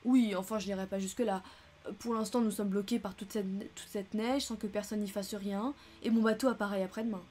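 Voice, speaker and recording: A woman's voice: mid-range voice, fairly even intonation, fairly quick, darkish tone, a little hiss or hum, lightly acted. A woman voicing a fussy, anxious older American lady who complains shrilly and breathlessly, in an audiobook reading. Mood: chattering.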